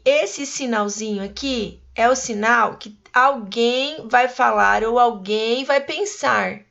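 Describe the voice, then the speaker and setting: A Brazilian woman teacher reading a storybook aloud to young pupils and explaining it slowly and patiently. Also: fairly high pitch, gravelly, a bit bright, highs cut off. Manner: slow, patient, explaining to children. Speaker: primary school teacher.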